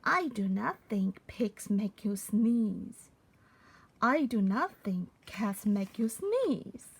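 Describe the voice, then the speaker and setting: A woman voicing a calm, sensible cat doctor in a read-aloud picture book, in a lowered, soft, matter-of-fact voice. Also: very slow, exaggerated voice.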